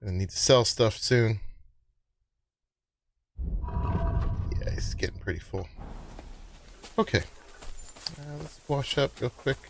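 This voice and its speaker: A man's voice: mid-range voice, lively intonation, slow pace, gravelly, pauses often, noisy background. A man giving casual, chatty gameplay commentary, musing aloud as he plays. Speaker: gamer commenting on own play.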